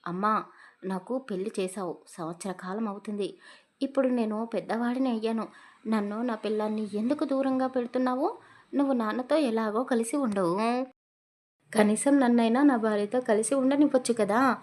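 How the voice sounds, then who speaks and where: A woman's voice: fairly high pitch, moderate pace, darkish tone, natural voice. A woman voicing a frustrated young village husband who talks back to his mother with resentful complaints.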